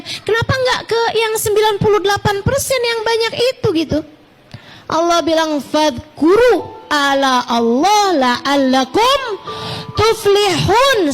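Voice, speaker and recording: High-voiced chatty woman preacher. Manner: chatty, addresses listeners directly, asks rhetorical questions. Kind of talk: conversational sermon.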